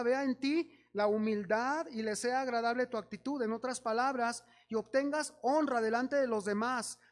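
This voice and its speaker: A man with a Mexican accent preaching a sermon, telling stories and acting out the voices of people in them while exhorting his congregation as brothers. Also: very high-pitched.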